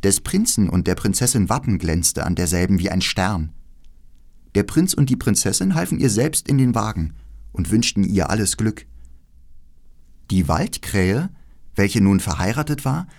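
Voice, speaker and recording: A man narrates a fairy tale in a deep-leaning voice. His delivery is expressive, swinging widely in pitch as he tells the story. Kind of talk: fairy tale read aloud.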